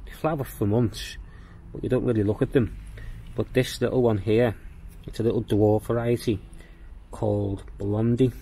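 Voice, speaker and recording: A man with a fairly low voice strolls through his walled garden, chatting casually about what is growing. He talks plainly and at an easy pace, pointing things out as he goes. A faint outdoor ambience sits behind him. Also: fairly even intonation, mellow, slight background noise. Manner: plain-spoken, unhurried, explains as he walks. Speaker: gardening vlogger.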